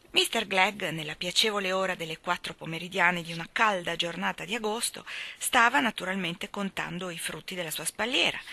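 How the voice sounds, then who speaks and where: A woman narrates a classic novel in a measured, expressive audiobook reading. Her voice is bright and forceful, sitting somewhat low. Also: gravelly. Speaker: reader.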